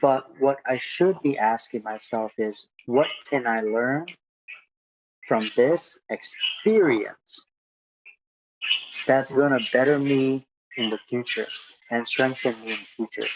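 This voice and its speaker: This Hungarian man, a guest on an interview, talks in a relaxed, reflective way full of fillers and repeated words. He has a medium-pitched voice and speaks a little slowly, captured in lo-fi sound against a noisy background.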